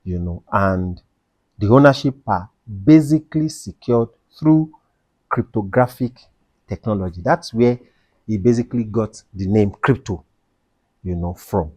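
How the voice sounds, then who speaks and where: Male tax explainer, low-pitched, emphatic and repetitive, dry booth-like recording. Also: unhurried, a little mellow, husky, no room sound. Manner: emphatic, repeats key points, asks and answers own questions. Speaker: tax educator. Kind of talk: explainer video lecture.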